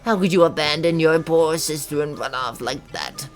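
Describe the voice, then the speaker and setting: A man voicing a stern old woman elder who scolds and lectures in a gruff way in a video game. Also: a little high, moderate pace, soft background music, lightly acted. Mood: scolding.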